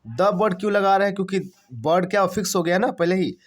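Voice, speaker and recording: A man with a high voice gives a brisk English translation lesson, posing questions and answering them himself, spelling words letter by letter and repeating every phrase.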